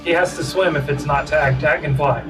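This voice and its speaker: A man's voice: on the high side, fairly even intonation, moderate pace. Man running a tabletop game from afar. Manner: casual, explanatory, laughs often. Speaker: game master. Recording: distant mic with music behind.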